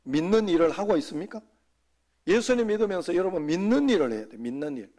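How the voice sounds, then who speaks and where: A man's voice: high voice, very animated, quick pace, warm tone. A middle-aged male pastor giving a sermon in a folksy, conversational way, often slipping in quoted asides.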